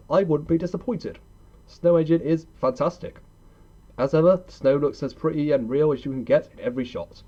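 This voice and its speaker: Narrating a scripted countdown review, this young man's medium-pitched, dark voice comes across as opinionated and chatty, full of rhetorical questions. He hosts and reviews for video. The recording has its highs cut off.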